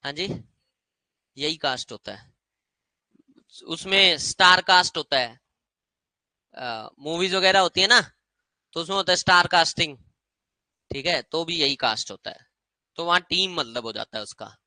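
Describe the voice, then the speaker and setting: A male grammar teacher with a high, very bright and forceful voice, recorded dry and close. He lectures in a lively way, repeats each word as a drill and stretches English phrases out slowly for his students. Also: no echo, poor audio. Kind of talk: classroom lecture.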